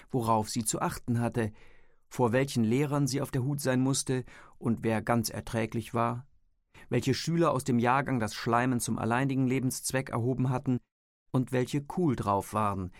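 A man reads a novel aloud in measured, scripted storytelling. His voice sits in an ordinary male register, recorded dry and close. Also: mid-range voice, no room sound. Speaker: audiobook narrator. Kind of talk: scripted narration.

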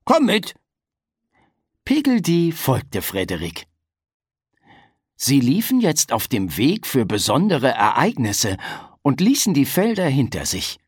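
A woman reading a children's story aloud slowly and calmly, with expressive rises and falls. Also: a bass voice, breathy edge, no echo, clean studio sound. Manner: slow, calm and expressive.

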